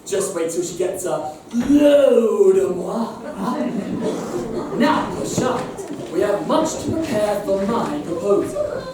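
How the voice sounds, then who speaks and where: A woman playing a vain, boastful young male hunter with pompous, drawn-out delivery, heard from far off in an echoey hall. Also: medium pitch, sing-song, noisy background. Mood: smug. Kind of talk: amateur pantomime acting. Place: large hall with live audience.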